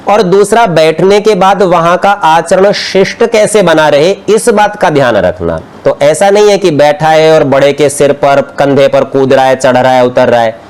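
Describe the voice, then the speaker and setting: Man, scripture teacher, slightly high voice, patient, explains word by word. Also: darkish tone. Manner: explains slowly, term by term, with examples. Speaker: religious teacher. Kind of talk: scripture study lecture. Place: outdoor courtyard class.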